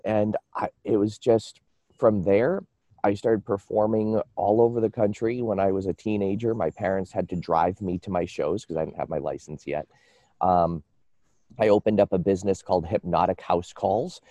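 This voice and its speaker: An American man telling personal stories casually as an interview guest, in a halting, rambling way that often repeats words. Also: low-pitched, mellow, no echo. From United States.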